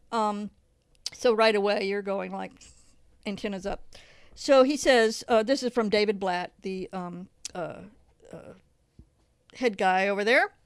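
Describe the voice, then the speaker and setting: A woman's voice: on the high side, clear, resonant tone, no room sound. A woman hosting a political podcast, reading articles aloud and adding hesitant asides full of fillers. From Oklahoma. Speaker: podcast host.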